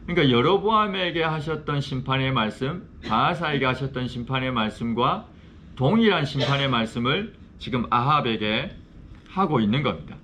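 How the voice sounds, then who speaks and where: A male pastor delivers a Bible study lecture with a measured, explanatory delivery. His voice sits at an ordinary middle pitch. He often turns to the class with questions, and a faint hum of room ambience runs underneath. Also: animated. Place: church classroom.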